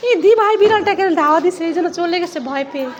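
A woman's voice: very high voice, very fast. A woman talking casually to children while filming on a phone outdoors, coaxing and scolding them and repeating her words. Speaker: vlogger minding children. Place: busy street outdoors. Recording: loud street traffic noise.

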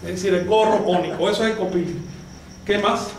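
A man's voice: sits high, fairly quick. A man teaching a language class, explaining step by step and quizzing his students with questions. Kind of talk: classroom lesson. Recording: echoey room from far off with faint noise.

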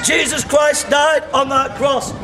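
A middle-aged man preaches in the open air, high-pitched and insistent, hammering the same lines again and again. He is caught by a camera a few metres away on an echoey shopping street. Crowd chatter fills the background. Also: fairly even intonation, takes it slowly. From England. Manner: loud, repetitive, confrontational, pointing and gesturing. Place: outdoor pedestrian shopping street. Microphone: handheld camera a few metres away. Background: passers-by and crowd noise.

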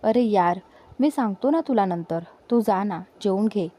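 A woman voicing a troubled young man who speaks in a subdued, weary way, with a mellow tone. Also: mid-range voice, animated, moderate pace, close to an everyday voice. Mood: downcast.

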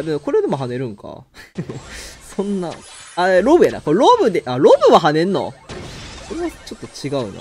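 A man with a Kansai accent giving excitable live commentary on his own game, exclaiming and laughing often. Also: on the high side, a little hiss or hum. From Kansai, Japan. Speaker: game streamer.

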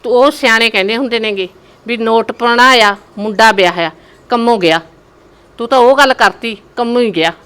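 An older woman as a bright, nagging Punjabi mother. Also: a little high, normal speed, smooth, close to an everyday voice, low-quality recording. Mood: chatty. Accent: Indian Punjabi. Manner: chatty, teasing, scolding. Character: chatty, nagging mother of a married son. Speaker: mother in a family drama. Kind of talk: village web drama acting.

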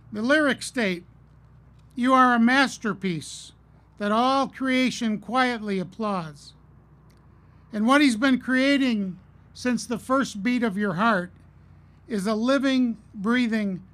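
A man's voice: very high voice, a bit bright. Middle-aged man giving a graduation speech. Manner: earnest, storytelling, measured pauses. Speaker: commencement speaker. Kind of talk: commencement address. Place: outdoor stage at a podium. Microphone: podium mic on a stand.

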